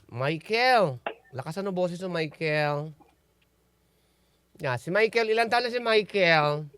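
A man's voice: sits high, animated, takes it slowly, a bit bright, smooth, no room sound. A man hosting a call-in radio show, teasing callers and laughing often. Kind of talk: playful call-in radio banter. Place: radio studio.

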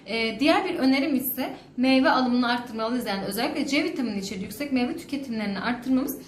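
Give me a high-pitched woman dietitian explaining things formally and quickly, recorded in an echoey room. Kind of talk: informational advice to viewers. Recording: echoey room with faint noise.

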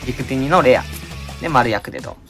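A man with a Kansai accent chatting casually as he opens card packs, reading out each card and crying out in excitement at good pulls. His voice has been a little out of shape lately. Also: mid-range voice, fast talker, soft background music. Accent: Kansai Japanese. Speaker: channel host. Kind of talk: casual card-pack opening commentary.

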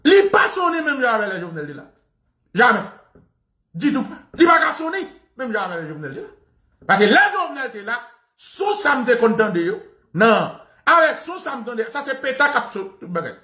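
A man delivers satirical commentary in a high, sharp voice that leaps all over the place. He mocks as he goes, laughing and mimicking bangs and gunfire. The sound bounces around an echoey room. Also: sing-song, normal speed. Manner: mocking, laughs while talking, imitates bangs and gunshots. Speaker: online commentator.

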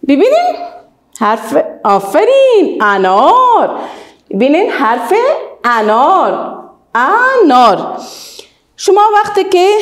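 A woman with an Afghan Dari accent teaching the alphabet to young children, stretching out model words and praising often. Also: sits high. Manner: sing-song, drawn-out model words, praising.

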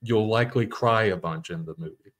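A man's voice: fairly low pitch, a little fast, fairly bright tone. Rambling male podcast co-host. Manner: meandering, searching for words. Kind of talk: casual chat.

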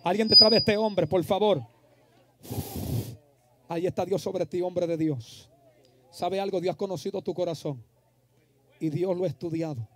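A male pastor leading a fervent deliverance prayer, commanding and hushing the crowd by turns. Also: high-pitched, moderate pace, long pauses. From Dominican Republic. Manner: fervent, commanding, shouting and hushing, speaks in tongues. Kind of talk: deliverance prayer and prophecy at a service.

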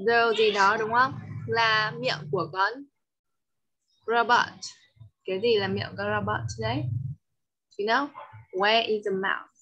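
A woman's voice: mid-range voice, fairly even intonation, slow, pauses often, pushed and bright, highs cut off. A woman from Vietnam with a Vietnamese accent, teaching English to a child over a video call, switching between English and Vietnamese and coaxing answers with patient questions. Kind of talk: online lesson for a child.

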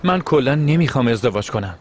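A man's voice: medium pitch, expressive, a little hiss or hum, close to an everyday voice. A man dubbing an easygoing young boyfriend who grumbles offhandedly. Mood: offhand.

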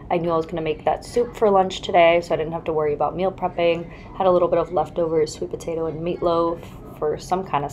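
A woman in her twenties vlogs to her camera indoors, in her apartment bedroom and kitchen, chatting casually, upbeat and thinking aloud. Her fairly low, darkish voice is still recovering from being sick, and the lo-fi recording has slight background noise.

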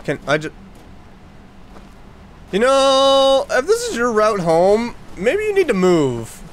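A man's voice: very high-pitched, huge pitch swings, takes it slowly, slight background noise. A young man commentating a horror game let's play, joking around and exclaiming when startled. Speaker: gaming YouTuber.

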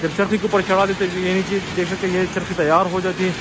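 Talking fast in a high-pitched, level voice, a Pakistani man with an Urdu accent vlogs his way through an indoor machine workshop on his phone. He chattily explains each step of the factory work, pointing and saying "you can see" again and again, amid background noise.

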